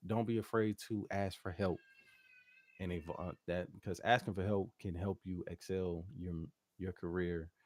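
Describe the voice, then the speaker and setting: A deep-voiced man, interviewed as a guest music artist, talks casually at a normal speed with fairly even intonation in a dry recording. He's slangy and rambling, often saying "you know what I'm saying" to check the listener follows.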